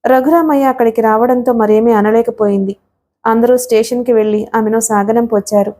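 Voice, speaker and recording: A woman's voice: on the high side, fairly even intonation, a little fast, warm tone. A woman reading a novel aloud as an audiobook narrator, telling the story steadily and speaking the characters' lines in her own voice.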